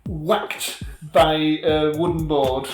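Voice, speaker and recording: A man with a high, light voice gives quick, dry, mocking commentary on a film in a casual chat. The room is echoey and music plays underneath him. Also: fairly even intonation. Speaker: video host.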